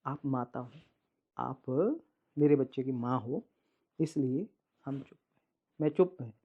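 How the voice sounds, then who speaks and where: A man's voice: mid-range voice, takes it slowly, husky, narrow, tinny audio. A man vlogging to his followers in an emotional monologue, aggrieved and accusing as he speaks straight to his estranged wife.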